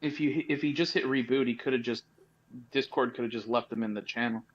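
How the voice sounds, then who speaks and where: A man's voice: mid-range voice, fairly even intonation, brisk, highs cut off. A man in a casual voice chat, explaining tech tips in detail.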